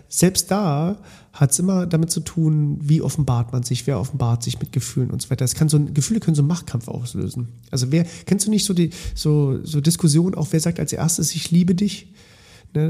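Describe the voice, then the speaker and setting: A man's voice: on the high side, mellow, husky. A man co-hosting a casual podcast conversation, reflective and explaining through everyday examples. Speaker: podcast co-host.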